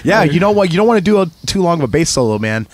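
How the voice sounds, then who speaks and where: A man's voice: a little high, big pitch swings, rapid-fire, dry recording. A man in a casual music chat, riffing playful comic bits.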